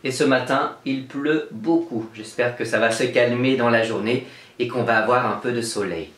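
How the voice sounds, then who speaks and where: A man teaching young children in a remote class, speaking slowly and clearly as he writes letters on a board and sounds them out. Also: medium pitch, a bit bright, echoey room. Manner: slow, clear, patient teacher talk, spelling out sounds. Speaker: kindergarten teacher.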